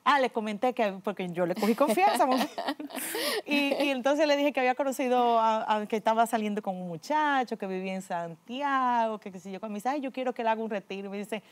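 A middle-aged woman, earnestly telling her personal faith testimony, often dropping to a quiet voice. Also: on the high side, expressive, normal speed. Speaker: guest giving a testimony.

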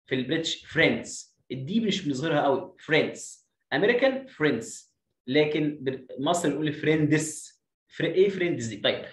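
A man with an Egyptian Arabic accent teaching an English lesson, repeating words slowly to drill their pronunciation. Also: on the high side. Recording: roomy echo.

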